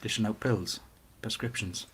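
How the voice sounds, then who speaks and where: A middle-aged man with a Newcastle Geordie accent, chatting casually and giving his opinions in an animated way, with rhetorical questions. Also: on the low side, normal speed, husky, poor audio. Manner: animated storytelling with acted-out quotes and rhetorical questions.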